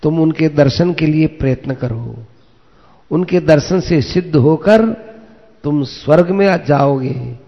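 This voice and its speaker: A man doing a high, booming disguised sky god. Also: unhurried, vocal fry. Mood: fatherly. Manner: loud, commanding, then kindly. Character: proud ascetic who is really the king of gods. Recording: echoey, dull lo-fi recording.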